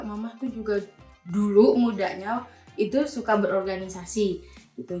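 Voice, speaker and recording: A woman's voice: medium pitch, darkish tone. Young woman, early twenties, volunteer teacher, casual chatty interviewee, echoey room. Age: 20s. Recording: roomy echo with faint music.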